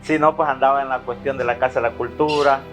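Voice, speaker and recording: A man's voice: mid-range voice, fairly even intonation, fast talker, fairly bright tone. A man in a documentary interview, reflectively telling stories about his late father, with frequent fillers. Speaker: interviewee, son of the subject. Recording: dull lo-fi sound with faint music.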